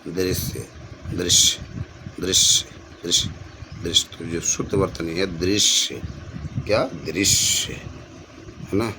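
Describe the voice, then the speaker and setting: A man with a very low voice teaches an exam-prep spelling lesson. He reads each answer choice aloud and repeats words to stress the right one. Faint background noise and passing vehicles can be heard. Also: steady tone, takes it slowly, long pauses.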